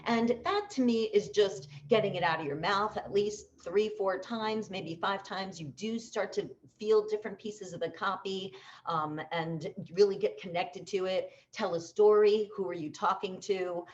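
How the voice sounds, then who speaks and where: Speaking a little slowly in a medium-pitched voice, a woman coaches on voice-over work, offering tips conversationally. She repeats key words for emphasis and asks rhetorical questions; the audio is dull with slight background noise.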